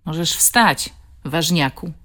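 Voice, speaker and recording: A woman's voice: deep voice, slow pace, a bit bright, heavily acted. A woman voicing a fierce adult woman who defends a child, speaking in a strong, throaty, commanding tone. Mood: scolding. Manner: scolding, commanding.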